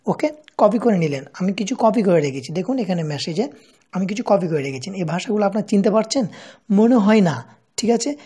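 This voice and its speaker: Woman tutorial host, mellow darkish voice, keeps asking "right?" between steps. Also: medium pitch, expressive, a little fast, breathy edge. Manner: step-by-step, checks in with rhetorical questions. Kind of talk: screen-recorded app tutorial.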